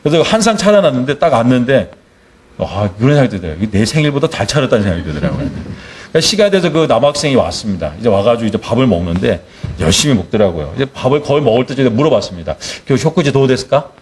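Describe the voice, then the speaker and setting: Animated, fast-talking male preacher. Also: medium pitch, slight background noise. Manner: animated storyteller, acts out dialogue. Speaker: missionary preacher. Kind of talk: sermon with storytelling.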